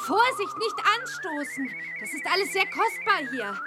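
A woman plays a cheerful young witch girl in an audio drama, with a very high, lively, singsong voice. She speaks at an unhurried pace. Loud music plays under her lines. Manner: bubbly, chants spells.

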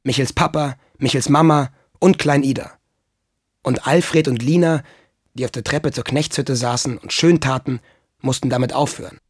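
A man reading a children's story aloud with lively, expressive narration. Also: medium pitch, moderate pace, slightly rough, dry recording, clean studio sound.

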